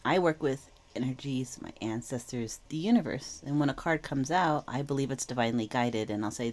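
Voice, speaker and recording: This tarot reader and channel host has a bass voice that's a little mellow, and she sounds under the weather, slightly wheezy and clearing her throat. She offers viewers a reflective, reassuring reading, explaining things casually.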